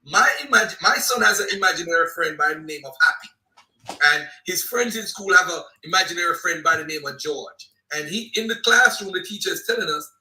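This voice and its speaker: A younger man chatting in a casual conversation, animated and plain-spoken with everyday analogies. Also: high-pitched, brisk. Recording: roomy sound, distant from mic.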